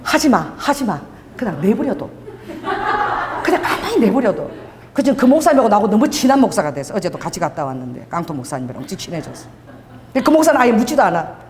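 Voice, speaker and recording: Animated woman pastor preaching in a hall. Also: medium pitch, quick pace, a crowd in the background. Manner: animated, storytelling, acts out quoted dialogue. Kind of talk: sermon with told anecdotes. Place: church sanctuary. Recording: long church hall reverb.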